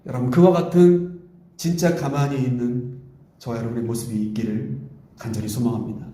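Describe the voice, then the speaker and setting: A male pastor preaching a Sunday sermon in an earnest, pleading way, sometimes speaking softly in God's gentle voice. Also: medium pitch, steady tone, fairly quick. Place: church sanctuary. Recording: echoey church room.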